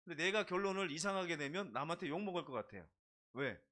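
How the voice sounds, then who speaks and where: Storytelling male pastor, higher voice. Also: animated, fast, bright, forceful tone. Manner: humorous storytelling, asks the congregation questions. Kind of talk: sermon. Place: church.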